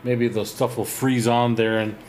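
A man's voice: medium pitch, level tone, normal speed, a little mellow, a little hiss or hum. A man playing a tabletop game, chatting casually and thinking aloud in short, choppy phrases.

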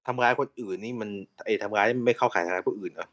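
A man's voice: fairly low pitch, rapid-fire, fairly bright tone. A man hosting a casual chat about a TV show, with dry, laid-back remarks. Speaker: podcast host. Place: voice chat call.

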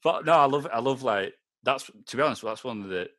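A man's voice: medium pitch, expressive, brisk, a bit bright, no room sound. A young Scottish man hosting a podcast, chatting casually, rambling and swearing, laughing often. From Scotland. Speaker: podcast host. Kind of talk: casual chat.

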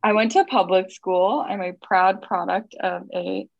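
A woman's voice: mid-range voice, a little slow, gravelly, no echo, muffled recording. A young woman from Missouri, a guest in a casual interview, reflecting on her life with many "um"s and "like"s. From Missouri, United States. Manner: relaxed, reflective, lots of fillers like "um" and "like".

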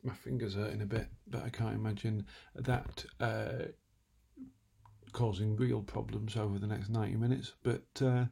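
A man talking quietly and wryly at night from a room in his house, hosting a solo radio show with lots of asides and restarts. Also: fairly low pitch, little pitch movement, moderate pace, vocal fry, husky. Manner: self-deprecating, wry, full of asides and restarts; talking quietly, half-whispering at times. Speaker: radio host. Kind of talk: rambling late-night solo radio chat.

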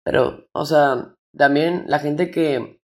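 A man's voice: a little high, takes it slowly, darkish tone. Rambling young Mexican man podcasting solo. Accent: Mexican Spanish. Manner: rambling, slangy, self-interrupting. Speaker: podcast host. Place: home room.

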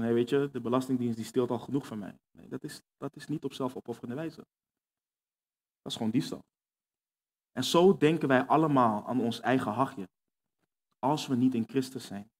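A man's voice: mid-range voice, darkish tone. A man preaching a sermon, earnest and emphatic, repeating key words for weight. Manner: acts out quoted voices within preaching.

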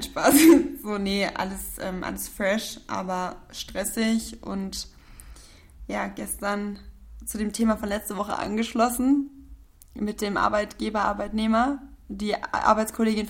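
A young woman with a southern German dialect co-hosting a podcast, chatting casually over drinks, swearing, laughing and telling stories with energy. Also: mid-range voice. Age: young adult. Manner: lively, swearing, laughs often, tells stories animatedly. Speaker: podcast co-host.

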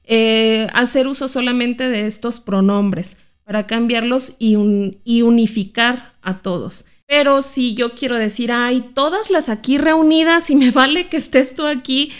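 A woman's voice: on the high side, a little slow, hardly any pauses, clean tone. A woman, a guest expert who explains inclusive language in a careful, reflective way, asking rhetorical questions. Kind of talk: explanatory interview talk.

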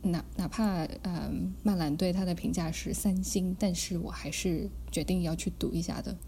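A woman co-hosting a casual book podcast, her voice mellow and warm. She talks in a calm, measured way and walks through each book's content in detail. A faint hiss sits under her voice. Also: fairly low pitch. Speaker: podcast co-host.

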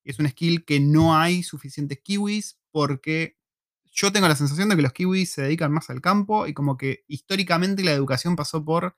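A man's voice: on the high side, normal speed, no echo, clean studio sound. An Argentine man with an Argentine Spanish accent, hosting a live casual chat at home at a desk mic, joking and slangy. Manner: joking, slangy, animated storyteller. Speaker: host. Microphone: desk microphone.

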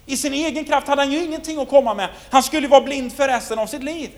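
A man preaching a sermon, retelling a scripture story and putting rhetorical questions to his listeners. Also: very high-pitched. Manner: asks the listeners many rhetorical questions, loudness swings widely.

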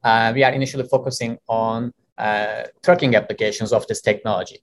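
A man from Turkey whose first language is Turkish, a guest answering interview questions in a measured way with many "uh" fillers. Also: lowish voice, fairly even intonation. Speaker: guest, company co-founder.

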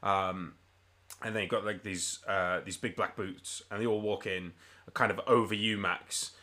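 A man's voice: sits low, steady tone, unhurried, pushed and bright. A man running a tabletop game as game master, describing scenes in a rambling way with lots of fillers.

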